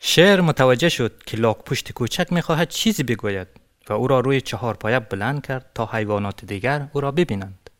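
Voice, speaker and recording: A man from Afghanistan narrating a fairy tale as a storyteller, measured with occasional restarts. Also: mid-range voice, expressive. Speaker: storyteller and actor.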